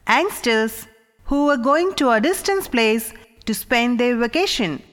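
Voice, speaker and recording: Female teacher reading a children's story, clear and expressive, with a lively, fairly high voice in a reverberant hall. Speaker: teacher reading an English lesson. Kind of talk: scripted lesson narration.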